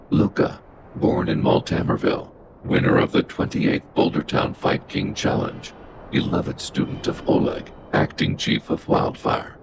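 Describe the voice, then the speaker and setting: Cold and analytical, the man gives this towering, logical game robot a natural-sounding gravelly voice, issuing short, formal, computerlike phrases through a very noisy recording.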